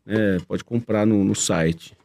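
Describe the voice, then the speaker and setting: A man's voice: fairly low pitch, fairly even intonation, slow pace, vocal fry, darkish tone. A man, telling his marathon story in casual chat, with enthusiasm.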